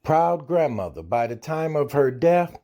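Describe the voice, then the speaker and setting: A man giving calm, measured scripted narration for a family history. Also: fairly high pitch.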